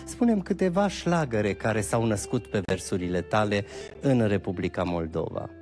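A man hosting a TV talk show, courteous and warm in addressing his guests. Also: on the low side, faint music behind. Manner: warm, courteous, expressive reciting. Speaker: TV show host.

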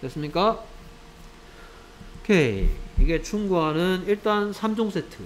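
Slow, higher-voiced male teacher. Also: expressive, slight background noise, rough recording. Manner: keeps checking understanding with quick questions; repeats each phrase in English then Korean. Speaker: English teacher. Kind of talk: classroom grammar lecture.

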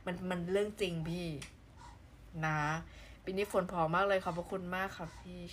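A woman from southern Thailand runs a casual live stream, greeting viewers as their comments roll in. Chatty and playful, she bursts quickly into frequent exclamations, her fairly low voice keeping a level tone over a faint hiss of noise.

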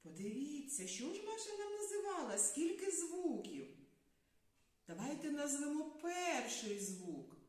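A woman teaching small children, speaking slowly and in a lively sing-song voice that swings up and down. Her voice sits fairly high and she stretches out each word. The sound is very echoey, as if from a bare room. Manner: sing-song, drawn-out words with long pauses. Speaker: preschool teacher. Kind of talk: slow, clear lesson for small children.

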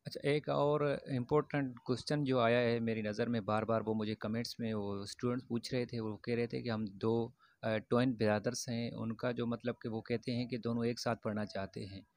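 A man's voice: medium pitch, steady tone, fairly quick, few pauses, a little mellow, dry recording. A man speaking plainly to his viewers with student admission updates, in a loose explanatory way full of fillers and restarts. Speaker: education YouTuber. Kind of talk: informal update talk to camera.

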